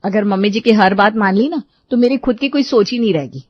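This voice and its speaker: A woman's voice: mid-range voice, brisk, lightly acted. A woman voicing a polite, firm young daughter-in-law. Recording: dull lo-fi dry recording.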